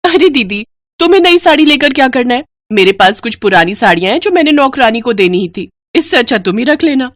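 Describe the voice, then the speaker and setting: A woman's voice: a little high, moderate pace, a bit bright, dry recording, studio quality, voice pushed up, lightly acted. A woman voicing a spoiled, mocking young rich daughter-in-law with a sugary, sneering way of talking.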